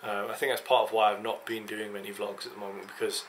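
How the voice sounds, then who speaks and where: A young man from England, sounding tired, rambles at a quick pace in a lowish voice with a level tone, hesitating and using fillers throughout. It's a casual vlog to the webcam on his desk in a small home office, with background noise present.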